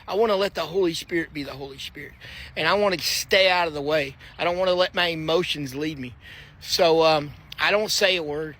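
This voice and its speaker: A man's voice: on the high side, fairly quick, sharp tone. Earnest man sharing a testimony. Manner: earnest, conversational, with frequent fillers and restarts. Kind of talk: personal testimony, casual storytelling. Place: backyard, outdoors.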